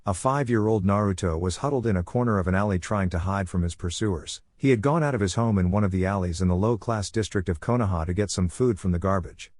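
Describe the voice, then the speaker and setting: A man reading a fan-written story aloud in a steady, even narration. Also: deep voice, fast, few pauses, no echo, studio quality.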